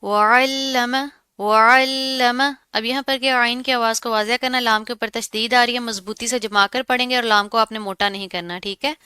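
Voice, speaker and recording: A woman's voice: on the high side, fairly even intonation, a little fast, few pauses, bright, forceful tone, clear, resonant tone, no room sound. A woman teaching Quran recitation, who explains each sound patiently and asks and answers her own questions. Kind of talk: tajweed lesson, explaining and reciting.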